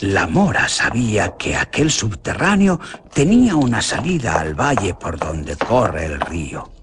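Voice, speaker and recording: Delivering a radio horror drama, this male narrator sounds very animated and goes a little slowly, throwing his pitch around for dramatic effect over noisy audio.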